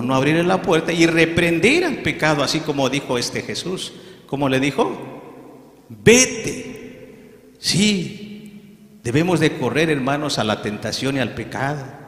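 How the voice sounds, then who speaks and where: A man's voice: medium pitch, expressive, fairly quick, a bit bright. A male minister preaching a sermon and acting out the voices in the scripture stories. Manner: preaching, acts out quoted voices of Satan and Jesus. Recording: echoey hall, long reverb.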